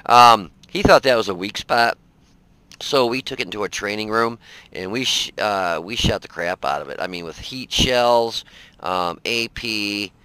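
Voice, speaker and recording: A man's voice: lowish voice, unhurried, pushed and bright, smooth, dry recording, poor audio. A man casually commenting on his own tank gameplay, rambling and folksy with many fillers, sounding tired. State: tired, yawning. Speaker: game reviewer.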